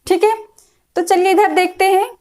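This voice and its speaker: A woman teaching a grammar lesson, explaining slowly and repeating each point, often checking whether her students follow. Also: very high voice, steady tone, a little mellow, poor audio. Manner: patient, repeats points, checks in with frequent "is that clear". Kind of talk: classroom lecture explaining a chart.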